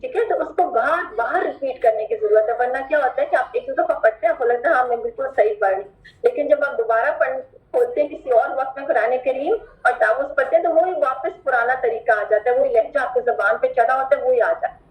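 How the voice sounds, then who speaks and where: A woman teaching Quran recitation in an online class, firm and instructive, who draws out words slowly as examples. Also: high voice, echoey room, narrow, tinny audio. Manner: firm, asks students to pay attention.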